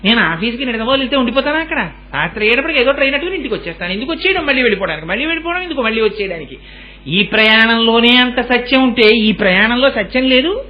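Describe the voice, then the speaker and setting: A man giving a devotional sermon. He recites verses slowly and his pitch swings from low to high as he explains them. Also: expressive. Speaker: spiritual discourse speaker. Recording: dull lo-fi recording.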